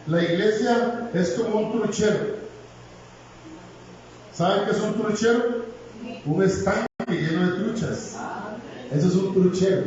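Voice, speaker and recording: A man's voice: high voice, measured pace, pauses often. Joking man in his sixties preaching. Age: 60s. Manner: humorous, animated, jokes with congregation. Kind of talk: sermon. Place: church hall. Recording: echoey hall, distant mic, dull sound.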